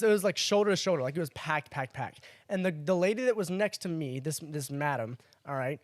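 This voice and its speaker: A young man tells a story on a casual podcast, animated and profane. His voice sits a bit high. The sound is dry and close. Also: no echo. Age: young adult. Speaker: podcast co-host.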